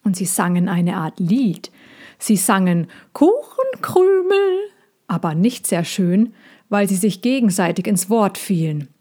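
A woman narrating a children's story in a gentle, measured reading voice. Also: fairly low pitch, husky. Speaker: audiobook reader.

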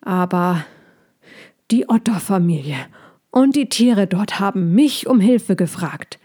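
A little boy dragon from a storybook, earnest and determined, speaking softly and a little out of breath, with a woman voicing him as she reads. He talks slowly and gently, in a voice close to the reader's own. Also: medium pitch, expressive. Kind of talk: storybook reading.

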